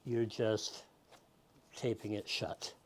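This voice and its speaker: Speaking slowly in a lowish voice with little variation in pitch, a man walks through a how-to demonstration step by step. He's relaxed and patient, explaining each move as he goes, with background noise in the recording.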